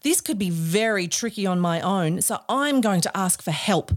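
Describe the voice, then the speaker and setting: A woman's voice: medium pitch, expressive, moderate pace. Singsong Australian woman hosting for little kids. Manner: broad singsong children's theatre delivery, exaggerated and encouraging. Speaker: children's podcast host. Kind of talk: presenting for young children.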